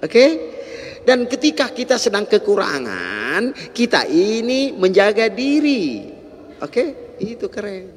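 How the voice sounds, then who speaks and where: A male preacher, giving a lively storytelling sermon in casual slang. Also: high-pitched, takes it slowly. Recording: echoey hall.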